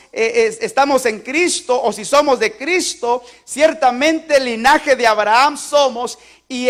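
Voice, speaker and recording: High-voiced man preaching call-and-response. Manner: asks the congregation to repeat lines aloud. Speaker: pastor. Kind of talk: sermon.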